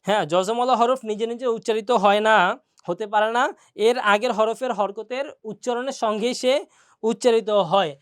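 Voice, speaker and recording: A woman's voice: a little high, steady tone, clear, resonant tone. Woman teaching syllable drills. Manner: repeats drill syllables slowly, explains with questions to students. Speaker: Quran recitation teacher. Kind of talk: classroom lesson.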